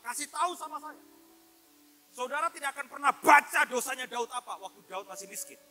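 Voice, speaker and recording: A male pastor delivers an animated sermon in a very high, ringing voice. He speaks straight to his listeners and slips into other voices for his stories. Soft music sits behind him. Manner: animated, addresses listeners as "Pak" and "saudara"; acts out his son's and God's voices.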